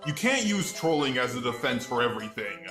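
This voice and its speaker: A man's voice: mid-range voice, sing-song, a little fast, voice pushed down. Give me a man using a metallic robot voice with an echo, over background music. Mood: exasperated. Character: male robot persona of the channel host. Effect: metallic robot voice filter. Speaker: YouTube commentator. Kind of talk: drama commentary recap.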